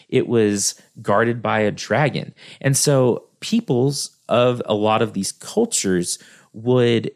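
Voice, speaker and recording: A man with a West Texas drawl giving an informal talk in a halting, conversational way. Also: lowish voice. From West Texas, United States. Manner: halting, conversational, self-deprecating asides. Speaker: lecturer.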